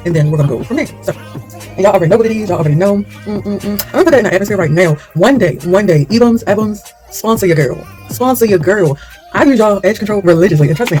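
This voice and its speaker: Fast-talking rambling woman vlogger. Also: fairly low pitch, mellow. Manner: rambling, candid, chatty; talks while working, loses her train of thought. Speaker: hair vlogger. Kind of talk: casual chat while styling hair.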